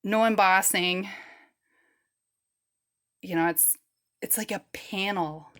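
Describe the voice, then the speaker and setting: A woman with a bright, forceful voice talks through her finds in a loose, rambling vlog chat. She is easygoing and pokes fun at herself, with a lot of filler and a steady middle pitch. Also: slow. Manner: chatty, rambling, laid-back and self-deprecating. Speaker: rockhounding vlogger. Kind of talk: casual show-and-tell chat.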